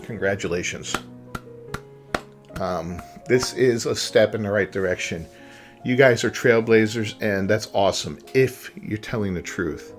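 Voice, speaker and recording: A man's voice: on the low side, a little slow, soft background music. A man hosting a gaming channel, giving casual opinion commentary in a rambling way, often tagging on "right?" and "you know".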